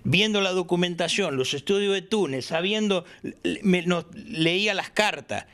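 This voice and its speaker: A man's voice: sits high, unhurried. An older man with an Argentine accent, chatting in his workshop as an interviewee and telling stories animatedly, acting out the dialogue he quotes. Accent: Argentine Spanish. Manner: animated storyteller who acts out quoted dialogue. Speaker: aircraft builder interviewee.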